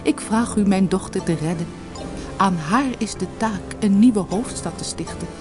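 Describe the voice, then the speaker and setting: A woman doing a soft-spoken gentle queen. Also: mid-range voice, normal speed, over music, pitched above the performer's own voice, lightly acted. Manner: soft, hushed.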